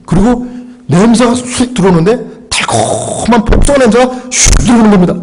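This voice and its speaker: A middle-aged male pastor delivers a sermon as a lively story on his English. His voice sits high and swings widely in pitch. He acts out his own prayers and shouts as the story goes. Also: breathy edge.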